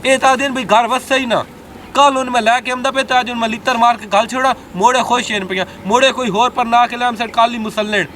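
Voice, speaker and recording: Man, husband in a village drama, high voice, rapid speech, faint outdoor noise. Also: fairly even intonation, a bit bright. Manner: angry ranting, then pleading and apologetic. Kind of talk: amateur web drama acting.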